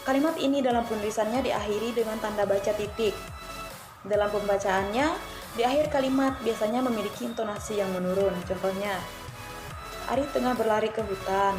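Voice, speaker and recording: A woman's voice: medium pitch, brisk. A young woman student carefully reading her part of a class presentation, including example sentences. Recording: echoey room with music.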